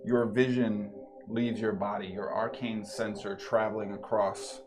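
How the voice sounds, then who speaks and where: A man running a tabletop game as game master, laid-back and quick with rulings. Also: on the low side, flat delivery, music in the background.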